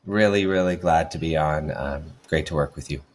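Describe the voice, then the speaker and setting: A man answering interview questions about his career in a measured way, often pausing on uhs. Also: a bass voice. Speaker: nonprofit development officer, guest.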